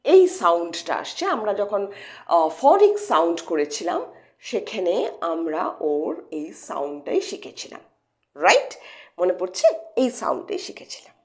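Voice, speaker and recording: A woman's voice: fairly low pitch, very animated, measured pace, a little mellow. A woman teaching English pronunciation to students, explaining patiently step by step and often checking with questions. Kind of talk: lesson for students.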